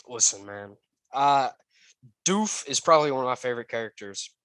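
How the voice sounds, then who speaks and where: A man's voice: mid-range voice, lively intonation, moderate pace, a bit bright, clear, resonant tone, no room sound. A young man co-hosting a casual film podcast, enthusiastic and stammering, full of "like.". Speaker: podcast co-host.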